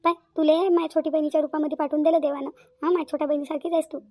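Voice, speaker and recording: Woman voicing a fond, quick elder sister-in-law. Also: high voice, flat delivery, dark tone, dry recording, natural voice. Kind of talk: cartoon voice acting.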